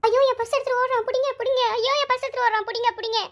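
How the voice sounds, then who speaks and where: A woman's voice: extremely high pitch, little pitch movement, quick pace, highs cut off. Woman voicing a wailing cartoon young woman. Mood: panicked. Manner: wailing and pleading. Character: young woman, a policeman's daughter, tearful.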